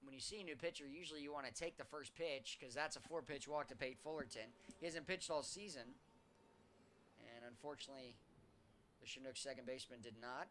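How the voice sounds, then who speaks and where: A man calling baseball play-by-play as the team's announcer, keeping a steady call that lifts in energy on hits. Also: mid-range voice, a little fast, slight background noise.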